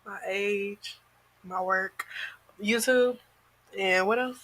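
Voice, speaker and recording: A woman's voice: mid-range voice, fairly even intonation, slow pace, a bit bright. A woman in her twenties, a podcast guest, talking in a giggly, slightly scattered way. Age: 20s. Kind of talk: casual podcast talk.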